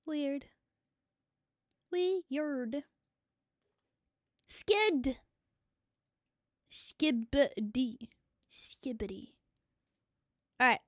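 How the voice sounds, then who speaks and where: A young woman VTuber in a loose, playful livestream chat, tossing out casual swears. Her voice sits high and her pace is slow and easy. The sound is dry and close, with almost no room around it. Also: no room sound. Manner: playful, swearing, chatting with viewers. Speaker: VTuber streamer.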